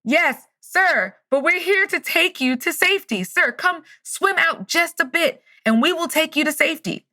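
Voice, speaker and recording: A woman's voice: fairly high pitch, expressive, normal speed, bright, forceful tone. A woman doing a polite boat rescue crew. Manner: formal, courteous.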